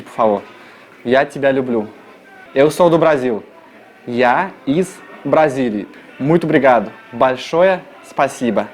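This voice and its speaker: A man with a Russian accent, a native Russian speaker, teaching tourist phrases in a joking, casual way and repeating each word slowly. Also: medium pitch. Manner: joking, slow repeated model words. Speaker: language guide.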